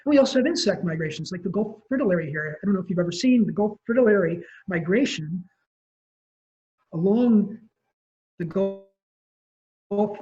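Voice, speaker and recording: A man's voice: sits high, animated, normal speed, pauses often, warm tone. Man, wildlife professor type, casual lecture, lots of ums, muffled webinar sound. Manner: casual, rambling, frequent ums and self-corrections. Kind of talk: conversational lecture.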